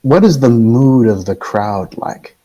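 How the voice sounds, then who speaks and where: A man's voice: mid-range voice, expressive, slow, dark tone, lo-fi sound. A man playing a tabletop game, asking the game master questions with some hesitation. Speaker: player.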